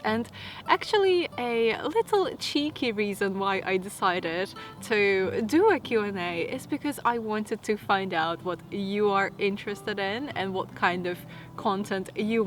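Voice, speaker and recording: A thirty-year-old woman with a light Latvian accent speaks slowly and gently, as if confiding in a friend. Her voice sits in an ordinary middle register. Faint music plays under her voice, recorded outdoors by an old wooden fence. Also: medium pitch. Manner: soft, unhurried and reflective, with light laughs. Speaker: vlogger. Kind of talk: calm Q&A talking to camera.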